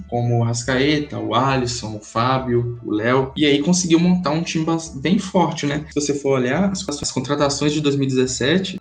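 A man's voice: medium pitch, a little mellow. A man with a Brazilian accent giving opinionated, conversational football analysis, often adding tag questions. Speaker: football podcast commentator. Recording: roomy echo, faint music.

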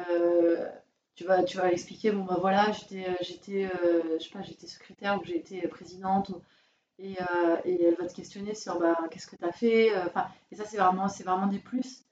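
A young woman giving informal, halting explanations as a student guest in a casual interview. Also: medium pitch, a little mellow, a little hiss or hum. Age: young adult. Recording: roomy, distant, dull, background chatter.

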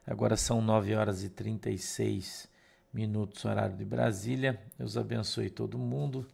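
Reading scripture in an even, steady rhythm, this pastor hosts a morning devotional livestream, welcoming viewers by name in a Brazilian Portuguese accent. He speaks at a moderate pace in a lowish voice that's creaky and slightly rough.

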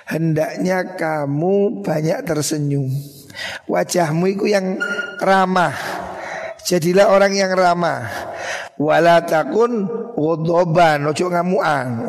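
A middle-aged man with a Javanese accent teaches a religious study session, moving between chanted Arabic lines and playful Javanese asides. His voice sits a little high with a gravelly edge. The sound rings with a long hall reverb. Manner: mixes Arabic recitation with Javanese asides, jokes and mock laughter. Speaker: Islamic teacher. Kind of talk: kitab study sermon.

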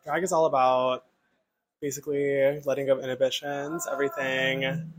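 Middle-pitched man in casual interview. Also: little pitch movement, normal speed. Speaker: drag performer.

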